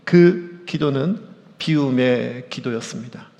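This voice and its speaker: A male pastor preaching a sermon in a church, animated and acting out quoted voices. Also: medium pitch, takes it slowly, gravelly, lo-fi sound. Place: church sanctuary. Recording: echoey church hall.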